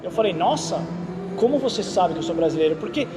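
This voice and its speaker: Music plays behind a high-pitched Brazilian man talking at a quick pace. He's a racing driver and instructor, chatting casually in an interview, telling stories animatedly and checking in often with "entendeu?"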